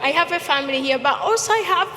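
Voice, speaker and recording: A woman's voice: high voice, lively intonation, quick pace, bright, forceful tone, slight background noise. A woman answering as a panelist at a live community event, hesitant with many ums. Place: event stage. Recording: echoey hall reverb.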